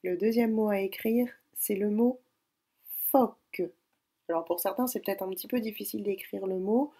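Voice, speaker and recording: A woman teacher recording a spelling dictation lesson at home, speaking slowly and spelling words out syllable by syllable. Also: medium pitch, mellow. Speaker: primary school teacher.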